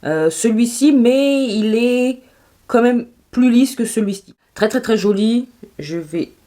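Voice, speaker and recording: A woman with a French accent, chatting casually through a makeup review, animated and quick to laugh. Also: a little high. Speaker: beauty vlogger.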